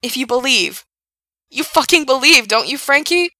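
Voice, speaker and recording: A woman voicing Gerard, a desperate young man pleading with and shouting encouragement to the man he loves. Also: fairly high pitch, slow pace, dry recording, clean studio sound, voice pushed up. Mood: fierce. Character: young man, desperate, fiercely loving rescuer.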